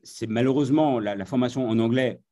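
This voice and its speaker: Male host, relaxed and hesitant, mellow mid voice, casual moderator. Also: mid-range voice, fairly quick. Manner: relaxed, hesitant, many fillers. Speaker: host of the master class. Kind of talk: moderating a talk.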